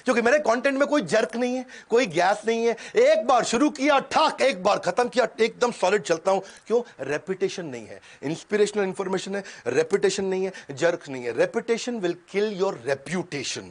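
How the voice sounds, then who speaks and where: A man coaching an audience in an energetic motivational seminar, talking in quick punchy bursts and sudden pauses, dropping English catchphrases in. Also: sits high. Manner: mixes English catchphrases into Hindi. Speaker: business coach.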